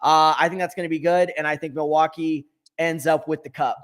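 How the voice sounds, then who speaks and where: Sports co-host, a man with a fairly high voice, rambling and self-correcting picks. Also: level tone, a little fast, fairly bright tone. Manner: thinks aloud, self-correcting. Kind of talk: casual sports talk.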